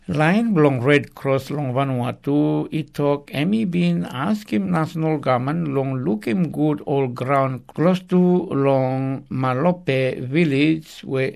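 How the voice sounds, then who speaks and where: A man's voice: mid-range voice, creaky, darkish tone. A man with a Melanesian accent reading scripted news in pidgin. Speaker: news reporter.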